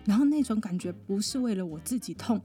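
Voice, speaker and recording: Lively woman telling a story. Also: mid-range voice, a little fast, soft background music. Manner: lively storyteller, laughs often, mimics other people. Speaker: podcast guest, psychologist. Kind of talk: personal storytelling in a podcast interview.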